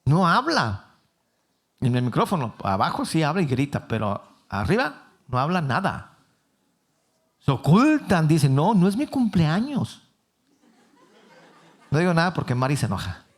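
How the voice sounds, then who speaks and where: A man's voice: fairly high pitch, big pitch swings, normal speed, pauses often. A man with a Mexican Spanish accent preaching a sermon as pastor in a church, telling the story with humor and acting out the characters. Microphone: handheld or stand microphone.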